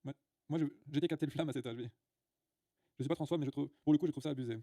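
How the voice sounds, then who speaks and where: Speaking rapid-fire in a slightly high voice with a dark tone, a man hosting a livestream rants bluntly at his viewers. He fills his talk with filler sounds and restarts. The sound is clean studio quality with no room sound.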